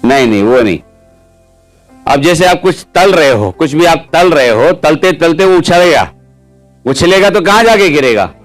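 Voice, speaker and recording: During a sermon, a male preacher with a slightly high voice shares his testimony at a moderate pace while faint music plays behind him. His storytelling is lively, and he keeps the audience engaged by quizzing them with frequent questions.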